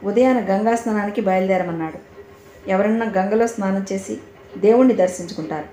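A woman's voice: medium pitch, brisk, warm tone, natural voice. Brief: woman voicing a devoted young wife, storybook reading, faint hiss. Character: young devoted wife who cannot walk. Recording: echoey room, faint background noise.

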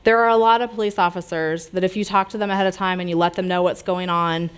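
Middle-aged woman speaker, lower register, clean resonant voice; casual lecture with audience Q&A. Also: steady tone, quick pace, smooth. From United States. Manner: conversational, gestures freely while speaking. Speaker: public health professor giving a talk. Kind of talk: informal public talk with audience questions. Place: small lounge with brick walls, seated audience.

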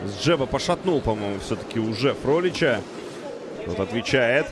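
A man giving excited live commentary on a fight as a commentator. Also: medium pitch, normal speed, noisy background. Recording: loud crowd behind commentary.

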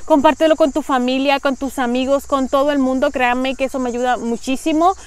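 A young Dominican woman in her late twenties speaks with a Dominican Spanish accent in a bright, high voice that stays smooth and clear. She talks in an earnest, heartfelt way in a personal vlog. She is recorded outdoors in a garden on a lapel mic. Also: steady tone, brisk. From Dominican Republic. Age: 20s. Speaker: vlogger.

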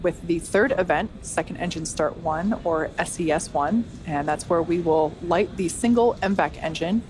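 A woman's voice: on the low side, moderate pace. A woman hosting a launch webcast, giving conversational, explanatory live commentary. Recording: faint background noise.

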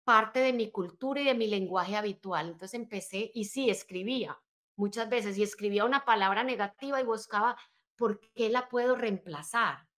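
A woman's voice: mid-range voice, normal speed, a bit bright. Earnest motivational woman coach. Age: adult, married with children. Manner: earnest and motivational, often asks "¿verdad?". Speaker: life and business coach, podcast guest. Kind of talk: conversational interview, personal story.

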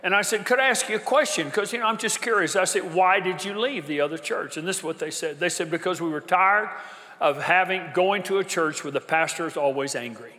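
A male pastor with a high, bright voice preaches in a church, leaning on repeated phrases and rising to a shout. Long reverb from the sanctuary trails his words. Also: a little fast. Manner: emphatic, repetitive preaching cadence, builds to shouting. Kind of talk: sermon.

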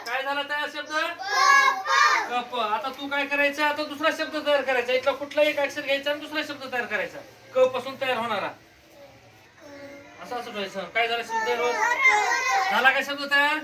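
Woman teacher quizzing small kids over and over, kinda high voice, recorded from across a noisy room. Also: expressive, normal speed, long pauses. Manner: patient, repeatedly prompts small children with questions. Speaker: primary school teacher. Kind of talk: classroom word-game lesson. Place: rural school classroom. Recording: noisy classroom recorded from a distance.

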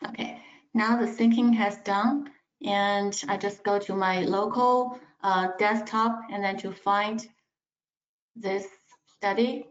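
A woman in a mid-range voice narrates a screen-share software demo, pausing often with fillers. The sound is roomy and dull, like video call audio from a screen recording. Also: medium pitch, steady tone. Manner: hesitant, many fillers. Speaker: analyst presenting software.

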